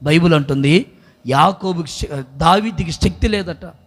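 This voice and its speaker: A man preaching a sermon as pastor at a church service, swinging between loud exhortation and soft pleading. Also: a little high, normal speed.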